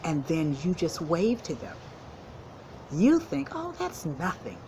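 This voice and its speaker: Reading a storybook aloud and teaching a lesson, a low-voiced woman school counselor speaks to young children with simple encouragement and deliberate emphasis. She sounds very animated, and background noise is present.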